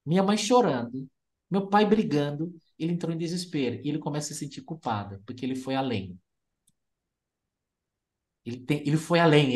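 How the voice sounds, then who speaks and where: Animated storyteller. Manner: gentle, didactic, pitch rising and falling. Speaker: family constellation therapist guest. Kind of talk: explanatory storytelling.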